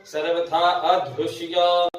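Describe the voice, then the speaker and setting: A man with a high voice chants devotional verse line by line, slow and melodic. He sits well back from the microphone. The room around him rings with heavy echo. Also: steady tone. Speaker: scripture reciter. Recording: very echoey room, voice far from mic.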